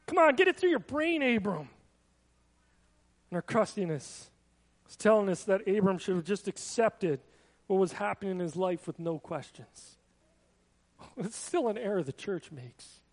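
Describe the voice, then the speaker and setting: Male pastor, very high voice, earnest conversational sermon, long hall reverb. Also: darkish tone. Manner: earnest, conversational preaching with personal asides.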